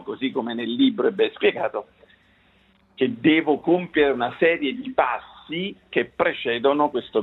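A man on speakerphone as a guest, explaining in a measured way and repeating words for emphasis. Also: medium pitch, breathy edge. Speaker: guest author. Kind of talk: explaining meditation on a radio talk show. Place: outdoors-ish countryside home. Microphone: phone on speakerphone. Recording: tinny distorted phone line.

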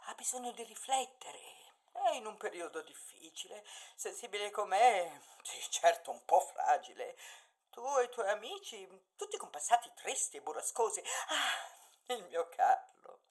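A woman's voice: medium pitch, big pitch swings, normal speed, darkish tone. Maria, a scheming old mother. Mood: sweetly smug. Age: older. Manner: theatrical, swooping, drops to whispers. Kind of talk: radio drama acting.

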